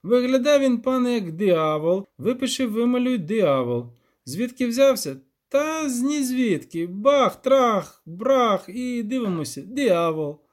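A man voicing a gruff, hesitant peasant village elder who rambles in folksy country speech. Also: very high voice, very animated, unhurried, pitched above the performer's own voice, exaggerated voice. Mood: rambling.

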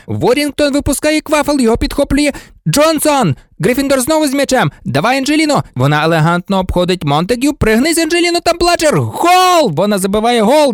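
A man reading an audiobook, voicing an excitable, openly biased teenage boy commentating a match. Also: very high-pitched, no room sound, clean studio sound, pitched above the performer's own voice. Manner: rapid-fire, shouting, openly biased. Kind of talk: audiobook character voice.

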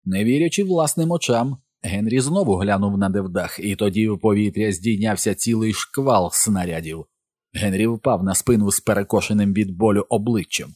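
A man narrating an audiobook in a measured, steady storytelling manner. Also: on the low side, no echo. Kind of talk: scripted narration.

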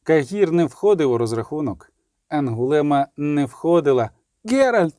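Man narrating an audiobook, mellow tone. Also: on the high side, moderate pace, dry recording, clean studio sound. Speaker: audiobook reader.

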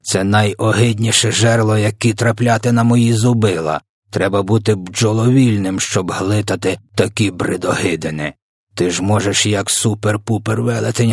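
A man's voice: lowish voice, steady tone, moderate pace, husky, no echo, clean studio sound. A man voicing a brutish male man-eating giant who bellows in mangled made-up words. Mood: sneering.

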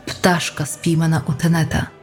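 An audiobook reader giving scripted narration in a measured, even way. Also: medium pitch, faint music behind.

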